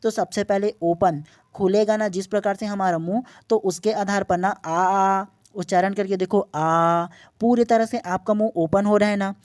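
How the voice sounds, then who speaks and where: A male teacher gives an online exam-prep language lesson in a soft, mellow voice. He explains step by step and stretches out each example sound so students can copy it. The recording is dry and close. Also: high-pitched, fairly even intonation, moderate pace, few pauses, dry recording. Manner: explains patiently and draws out example vowel sounds; checks in often with short "okay?" tags.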